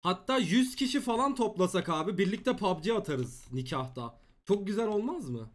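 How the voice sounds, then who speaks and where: A young man chats casually over his gameplay, joking and teasing his viewers. His voice sits high and swings up and down. Keyboard typing clicks away behind him. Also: expressive, moderate pace. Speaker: gaming streamer.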